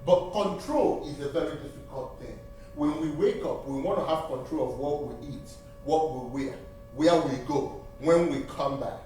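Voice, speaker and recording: This Nigerian man, whose first language is Igbo and who speaks with a Nigerian accent, is a seminary graduate offering a heartfelt church testimony and appeal, with key phrases repeated for weight. His slightly high voice has a darkish tone and moderate pace. Captured distantly in a roomy church sanctuary, the audio carries a little hiss or hum.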